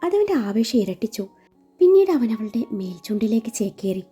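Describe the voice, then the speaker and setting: A woman reading a romantic story aloud in a soft, emotional way and voicing the characters' lines. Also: a little high, big pitch swings, normal speed, slightly rough. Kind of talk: scripted romance story narration with character voices. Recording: dull lo-fi recording with faint music.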